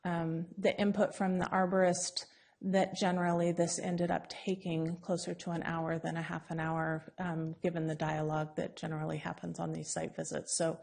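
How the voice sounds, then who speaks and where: A woman on city staff giving a formal presentation to a council, explaining in a measured way with frequent ums. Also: low voice, vocal fry, darkish tone.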